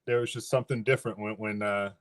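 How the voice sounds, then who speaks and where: A man in his thirties, a former baseball catcher, talks in a casual remote interview. He speaks reflectively and haltingly, with frequent restarts. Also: lowish voice, fairly even intonation, no echo.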